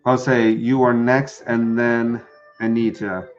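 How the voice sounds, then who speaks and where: A man's voice: medium pitch, flat delivery, takes it slowly, highs cut off, soft background music. Man giving a chatty tarot reading. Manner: chatty, reads out chat and greets viewers. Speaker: tarot reader. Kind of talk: live-stream tarot reading.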